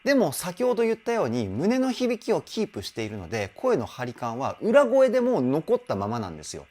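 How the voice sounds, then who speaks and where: A man's voice: fairly high pitch, wildly swooping pitch, brisk, mellow. A young man, a vocal coach, chatting enthusiastically while reacting to and analysing a song, laughing often.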